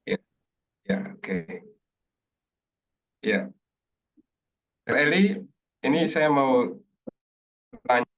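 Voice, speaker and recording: A man's voice: medium pitch, animated, very slow, long pauses, fairly bright tone. A man on an engineering team speaks in a work meeting over a choppy, glitchy video-call line that keeps breaking up, asking questions politely and hesitantly. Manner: polite, hesitant, many fillers. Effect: choppy, glitchy breaking-up video-call audio. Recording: dull distant video-call audio.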